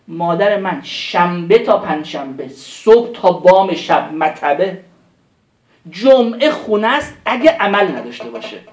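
A bitter, hurt teenage boy, as a preacher quotes him. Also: sits high. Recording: roomy echo.

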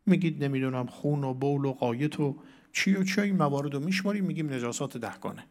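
A cleric with a medium-pitched, darkish voice lectures on a Quran verse. He recites Arabic verses and poses questions to his listeners, then answers them himself.

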